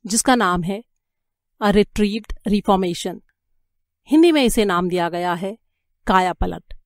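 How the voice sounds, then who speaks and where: A woman reading a story aloud as an audiobook narrator, with measured, expressive storytelling. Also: mid-range voice, dry recording, clean studio sound.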